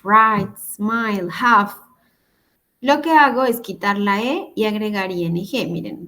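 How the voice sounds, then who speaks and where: Lady teacher on a video call, patient, keeps checking everyone's following. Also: on the high side. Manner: patient, repeats examples, checks in with "¿listo?". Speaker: English teacher. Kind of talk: online class explanation. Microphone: computer mic on a video call.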